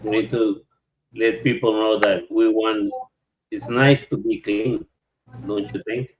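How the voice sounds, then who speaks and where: A man from Nicaragua speaking slowly and reflectively in a casual chat, pausing often. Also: on the low side, steady tone, a little hiss or hum. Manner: slow, reflective, with many pauses. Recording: dull lo-fi sound.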